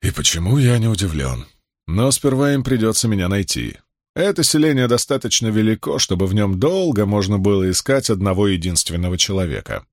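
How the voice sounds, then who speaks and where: A man voicing a calm, self-assured stranger warrior with a dry, curt manner. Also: fairly low pitch, brisk, no room sound. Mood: wry.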